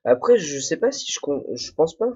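Husky and a little mellow, this young man's fairly high voice swings widely in pitch at a moderate pace. He's doing casual solo gameplay commentary, talking to himself and making self-deprecating jokes, recorded at home on a desk microphone with no headphones, so the sound is muffled and dull.

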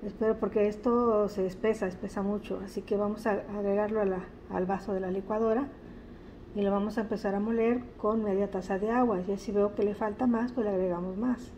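A woman hosting a casual home cooking demonstration, chatting in a homely, unhurried way in an indoor kitchen. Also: mid-range voice, steady tone, dark tone, low-quality recording. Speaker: host of a home cooking channel. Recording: faint-to-clear background noise, home kitchen.

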